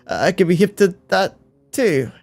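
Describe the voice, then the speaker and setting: Gravelly young man riffing on a game. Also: high-pitched, expressive, a little slow, darkish tone. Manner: blunt, swears freely, laughs along. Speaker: streamer. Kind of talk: casual gameplay commentary. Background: faint background music.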